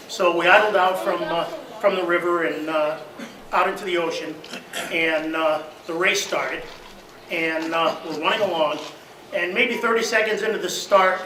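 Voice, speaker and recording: A man's voice: sits high, slight background noise. A man giving a remembrance at a memorial service, telling stories with many fillers. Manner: storytelling with many fillers, grows loud in the boat tales. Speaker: eulogy speaker. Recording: roomy hall recording from a distance.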